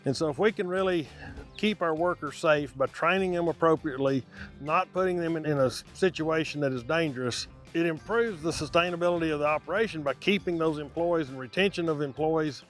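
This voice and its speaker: A man's voice: fairly high pitch, a little fast, faint music behind. A man explaining things in an interview as a livestock industry expert.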